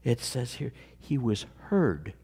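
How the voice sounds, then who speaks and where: Slow, dramatic male preacher. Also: medium pitch, sing-song, mellow, slightly rough. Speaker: pastor. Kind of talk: sermon.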